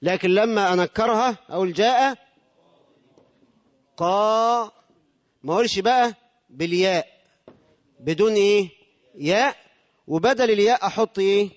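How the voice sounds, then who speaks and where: A man with a high Egyptian voice who teaches grammar by asking his students questions and supplying the answers. He is recorded on a muffled, lo-fi track in a room with long reverb, like a classroom or lecture hall. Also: normal speed, long pauses. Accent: Egyptian Arabic. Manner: asks the class questions and answers them himself.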